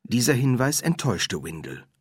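A man reading an audiobook aloud in a lively storytelling manner. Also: medium pitch, moderate pace, slightly rough, dry recording, studio quality. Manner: lively storytelling, doing character voices. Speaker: audiobook reader. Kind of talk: scripted narration.

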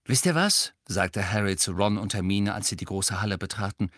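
A man narrating an audiobook in a steady, measured reading. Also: on the low side, no echo, studio quality. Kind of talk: scripted narration.

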